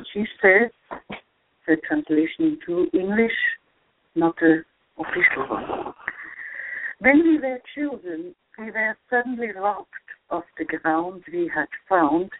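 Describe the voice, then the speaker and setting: A woman analyst giving a formal lecture, reading quotations slowly and carefully, heard from an old audio cassette recording. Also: medium pitch, no echo. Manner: slow and measured, reads quotations with care. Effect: old audio cassette recording played on radio. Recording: muffled, narrow lo-fi cassette tape, dry.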